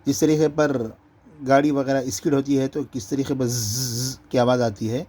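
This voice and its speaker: A man teaching Quran reading, explaining letter pronunciation and drawing out each letter slowly to demonstrate. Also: mid-range voice, fairly even intonation, mellow, a little hiss or hum. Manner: slow, drawn-out letter demonstrations between explanations.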